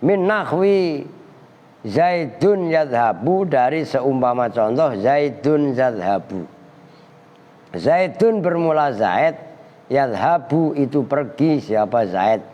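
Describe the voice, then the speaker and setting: Slow, teasing kyai teaching grammar. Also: male voice, medium pitch, expressive. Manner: teasing, scolding students between slow recitation. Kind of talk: pesantren kitab lesson. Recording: dull lo-fi audio in a reverberant hall.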